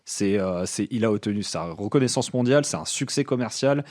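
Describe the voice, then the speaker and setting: A man with a somewhat low voice, talking casually on a podcast. He speaks with enthusiasm, often restarting his sentences and filling pauses as he goes. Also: expressive, darkish tone. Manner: enthusiastic, frequent fillers and restarts. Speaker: podcast co-host. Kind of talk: casual music chat.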